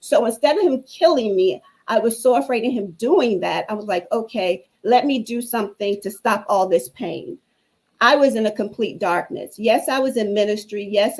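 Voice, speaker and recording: On a talk show, a female guest shares her personal testimony with a preacherly earnestness. Her voice is a little high, and the audio quality is poor.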